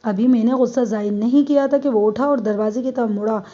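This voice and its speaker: Woman reading a crime story aloud, steady, mellow tone, lo-fi recording. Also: fairly high pitch. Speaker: story narrator. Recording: dull lo-fi.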